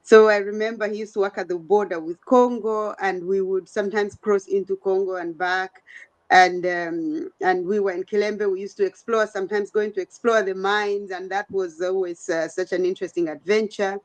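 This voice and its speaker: A woman's voice: medium pitch, steady tone, normal speed. Ugandan-born woman on a video call. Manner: conversational, with frequent fillers. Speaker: guest. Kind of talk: online interview. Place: home, The Hague.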